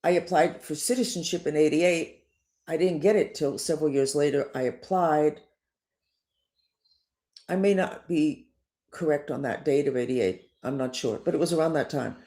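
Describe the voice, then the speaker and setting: This is a personal monologue from an older woman, a spiritual teacher, who speaks in a low voice at a moderate pace. She often digresses and stresses her points, her delivery bouncing up and down in a lively way.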